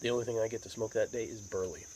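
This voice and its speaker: American male hobby vlogger, lowish voice, unhurried rambling chat, crickets and outdoor noise behind. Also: steady tone, a little mellow. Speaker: pipe tobacco vlogger. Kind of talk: casual rambling monologue.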